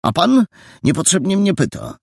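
A man's voice: high-pitched, huge pitch swings, moderate pace, vocal fry, breathy edge, no room sound, clean studio sound, pitched above the performer's own voice, full character voice. A man voicing a frightened but defiant young boy detective who answers back stubbornly in a storybook reading.

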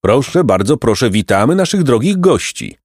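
A man's voice: mid-range voice, very animated, normal speed, a little mellow, dry recording, studio quality. A man voicing a huge male monster who fawns and then menaces, with a screeching, neighing voice. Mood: fawning.

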